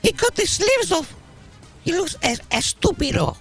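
A man doing a piercing falsetto wife impression, full of indignant grievances and broken grammar. The voice is very high and bright, with a put-on foreign lilt. Music plays softly under the radio bit. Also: big pitch swings, normal speed, gravelly, heavily acted. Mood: complaining. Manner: complaining, broken grammar, mock-serious. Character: high-voiced woman, a famous model's impression, angry wife.

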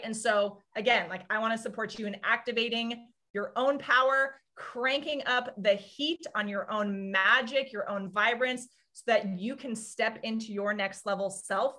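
A woman's voice: a little high, bright, forceful tone. A woman business and mindset coach giving a casual motivational talk, chatty and effusive, full of "like" and swearing.

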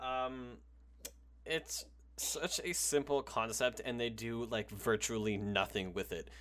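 A man's voice: medium pitch, steady tone, slow, a bit bright, slight background noise. A teenage boy co-hosting a casual podcast, giggly and dismissive while he critiques a game. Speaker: podcast co-host. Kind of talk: casual chat.

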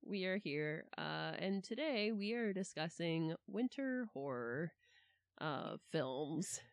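A woman's voice: fairly low pitch, animated, takes it slowly, creaky, no echo. Woman talking out of the mouth's corner, close-miked. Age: 30s. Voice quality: slightly slurred r sounds. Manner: talks slightly out of the side of her mouth. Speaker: podcast co-host. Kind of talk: casual humorous chat.

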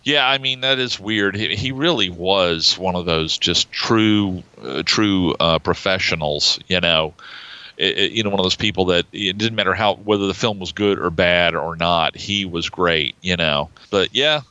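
Deep-voiced man rambling about films. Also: unhurried, sharp tone, clear, resonant tone, no echo, highs cut off. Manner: rambling, many fillers and restarts. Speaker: podcast co-host. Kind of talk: casual film discussion.

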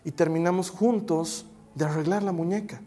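A man in his thirties preaching a sermon and telling a story about his young daughter, his voice swinging from loud to hushed. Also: a little high, moderate pace, faint music behind. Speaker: pastor.

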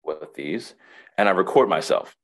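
A man with a deep voice talks through his counseling practice in a relaxed webinar chat. He pauses, repeats himself and restarts phrases as he works out what he means. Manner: reflective, many restarts and repetitions. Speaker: counselor and guest. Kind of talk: casual webinar conversation.

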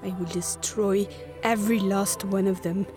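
A woman's voice: mid-range voice, fairly even intonation, a little slow, over music, lightly acted. A woman voicing a grim young female witch hunter who speaks tightly through gritted teeth. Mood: grim resolve.

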